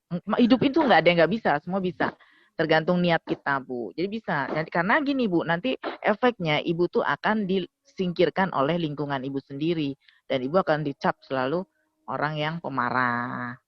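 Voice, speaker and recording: A woman's voice: low-pitched, animated, brisk, no echo. A woman lecturer giving firm, practical advice in a lecture and discussion. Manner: firm, advising, many "mm-mm" backchannels. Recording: dull dry lo-fi sound.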